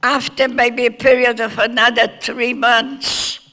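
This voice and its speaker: A woman, a Holocaust survivor speaking slowly and earnestly to students as a guest speaker. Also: fairly high pitch, level tone, bright, forceful tone. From Germany. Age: 90s. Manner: slow, earnest storytelling. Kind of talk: personal testimony talk to students. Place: school forum hall. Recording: echoey hall reverb.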